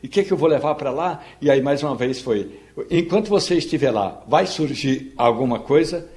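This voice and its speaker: A man's voice: mid-range voice, expressive, brisk, a little mellow. A man giving wry political commentary as a radio correspondent from a studio. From Pernambuco, Brazil.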